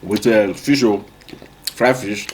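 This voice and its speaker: A man's voice: on the low side, slow, darkish tone, slight background noise. A man with a Nigerian accent chatting casually over soup, teasing and repeating phrases in Pidgin-flavoured English. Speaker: husband in a couple's mukbang video. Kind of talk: casual chat while eating soup.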